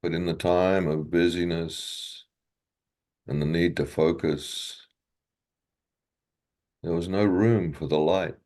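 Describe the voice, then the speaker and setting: His voice sits low and steady as he leads a guided meditation, speaking gently and slowly in short phrases with long pauses in between.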